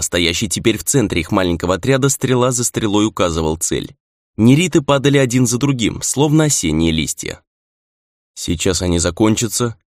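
A man reading a fantasy novel aloud in a lively narration style. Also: on the low side, no room sound, studio quality. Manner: lively reading, raises voice for shouted lines. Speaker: audiobook narrator. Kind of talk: scripted narration.

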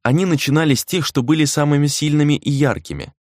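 A man reading a dark fantasy novel aloud as an audiobook narrator, measured and dramatic, slowing down for emphasis. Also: a little high, dry recording, studio quality.

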